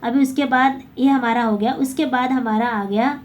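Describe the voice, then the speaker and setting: A woman's voice: a little high, fairly even intonation, normal speed, a little hiss or hum. A woman teaching a basic Hindi lesson, explaining step by step and often correcting herself.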